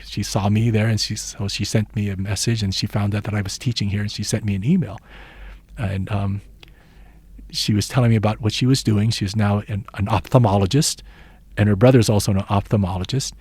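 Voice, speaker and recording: A Filipino-born man in his sixties, an education professor, gives thoughtful, earnest interview answers and shares stories from his teaching. His voice is lowish, darkish and husky, with a steady tone and a fairly quick pace. The recording is dry.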